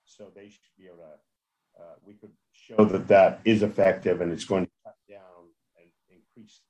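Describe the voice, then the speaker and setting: A man with a lowish, mellow voice speaks earnestly, halting and restarting his sentences. He is on a computer microphone in a remote meeting. His voice keeps cutting in and out as the connection breaks up. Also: steady tone, muffled recording. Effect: voice cutting in and out on a bad connection. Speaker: advocate for blind pedestrians. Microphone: computer microphone on a call.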